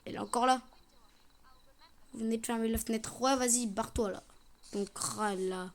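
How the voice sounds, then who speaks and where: A young woman gaming streamer gives casual, slangy commentary on a horror game while chatting to her viewers. Her voice sits on the high side with fairly even intonation and a moderate pace, captured on a noisy home gaming mic.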